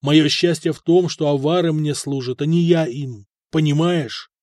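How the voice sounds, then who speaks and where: A man's voice: fairly high pitch, lively intonation, normal speed, no echo, clean studio sound. Man playing a stern, cold prince. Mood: loud, cutting. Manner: firm, cold, growing loud and cutting. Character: stern, cold middle-aged prince, stubborn ruler.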